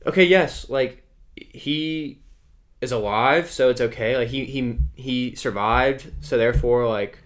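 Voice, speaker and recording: A man's voice: medium pitch, unhurried. Ranting young man hosting a solo podcast. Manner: ranting, heavy use of "like" fillers; reads news excerpts aloud. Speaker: podcast host.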